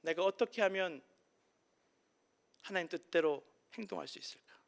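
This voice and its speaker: A man preaching a sermon as pastor, swinging between soft, quiet passages and loud, impassioned cries. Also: high voice, normal speed, vocal fry.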